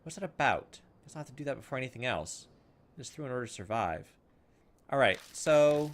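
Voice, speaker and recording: In a let's play, a man with a medium-pitched voice reads the game's on-screen story text aloud dramatically, cutting in with playful asides. He sounds animated and talks a little fast.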